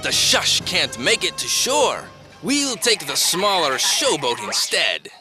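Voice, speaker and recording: Jolly pirate, animated and slow, music behind. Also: medium pitch. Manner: boisterous pirate talk. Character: jolly pirate host, lively. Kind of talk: children's TV puppet comedy.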